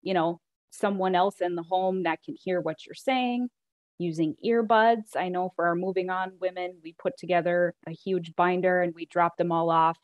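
A woman speaking on a video call panel, her voice a little low for a woman and her sound dry, with almost no room around it. She talks in an earnest, practical way, leaning on "really" and "you know" as she explains. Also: no echo, muffled recording. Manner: earnest, practical, repeats 'really' and 'you know'. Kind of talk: virtual panel discussion.

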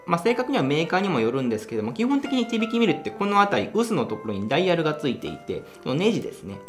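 Rapid-fire and on the high side, this young man's voice swings widely in pitch as he hosts his coffee channel. He demonstrates brewing in a small home café room, chatting eagerly and laughing through his explanations in a casual how-to style. There's background music.

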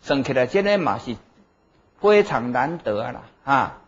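A man's voice: medium pitch, big pitch swings, normal speed. A middle-aged man with a Taiwanese Hokkien accent, a Buddhist monk giving a didactic Dharma lecture with frequent checking questions and interjections. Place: indoor lecture room at a desk before a blackboard. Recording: dull lo-fi lecture recording.

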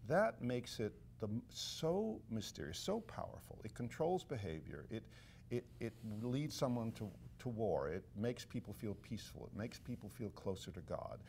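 A man, a conductor and author, talking in a casual interview, explaining his ideas in a measured way. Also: mid-range voice, very animated, vocal fry, a little mellow, slight background noise.

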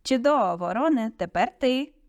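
A woman voicing a calm, kindly male wizard teacher in an audiobook, encouraging and unhurried. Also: low-pitched. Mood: urging. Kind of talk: audiobook character voice.

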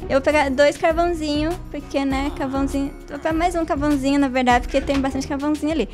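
High-voiced playful Brazilian woman gamer. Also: steady tone, fast talker, music in the background. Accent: Brazilian Portuguese. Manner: chatty, playful, talks to viewers and in-game characters, bursts of high squeals. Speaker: Minecraft let's player. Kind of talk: casual gameplay commentary.

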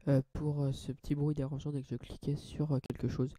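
A young man hosting a casual software tutorial, hesitant and full of fillers and restarts, addressing viewers as guys. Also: on the high side, flat delivery, brisk, no echo. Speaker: channel host.

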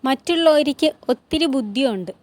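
A woman narrator voicing a caring but sharp-tongued mother who answers in a tart, needling way. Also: sits high, lively intonation, normal speed, no room sound.

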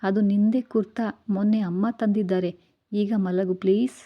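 A patient young husband, gentle and coaxing, soothing his wife in a storybook, as a woman reads his lines. The voice stays at a middle pitch, with little change from the reader's own, on a dull, lo-fi recording. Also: steady tone, moderate pace, natural voice.

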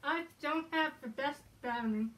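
Heard from a distance, a woman with a high, fairly bright voice speaks at a measured pace through a balaclava. A fursuiter showing how to suit up, she talks casually and hesitantly, with lots of ums and uhs as she demonstrates.

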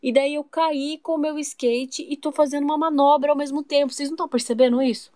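A woman's voice: high voice, steady tone, fast, darkish tone, dry recording, clean studio sound, close to an everyday voice. A woman voicing a playful, boastful child playing charades in a toy-figure soap opera. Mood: teasing. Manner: boastful, teasing.

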